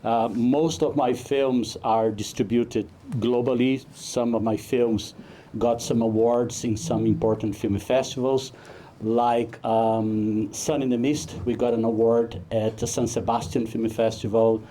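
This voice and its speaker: A man from Brazil, a film director giving a humorous, anecdotal talk at a networking event, halting often with fillers. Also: mid-range voice, little pitch movement, dark tone, slight background noise.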